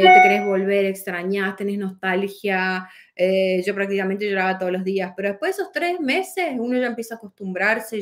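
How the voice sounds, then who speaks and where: Woman life coach, casual Q&A, talky, mid-pitched voice. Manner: chatty and reflective, many fillers and restarts. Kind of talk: casual Q&A answering viewer questions.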